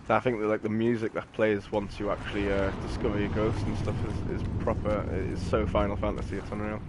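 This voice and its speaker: Very noisy audio carries a male game streamer's fast, rambling commentary, casual and slangy but matter-of-fact. His lowish voice holds a level tone over game music and sound effects.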